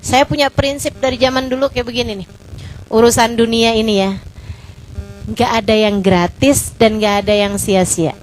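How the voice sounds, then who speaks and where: High-voiced woman religious teacher, chatty. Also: moderate pace, a little hiss or hum, low-quality recording. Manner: chatty, asks rhetorical questions; lively with colloquial fillers. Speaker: Islamic religious teacher (ustazah). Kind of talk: casual religious lecture.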